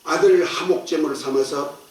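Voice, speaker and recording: A pastor with a slightly high voice preaches a little fast in a church sanctuary. He jokes in a folksy way and leads his congregation in call and response. The recording sounds echoey, with the mic set at a distance.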